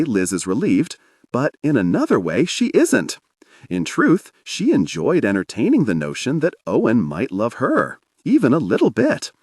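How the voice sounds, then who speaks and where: A man narrating an audiobook in an expressive storytelling manner. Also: medium pitch, dry recording, studio quality.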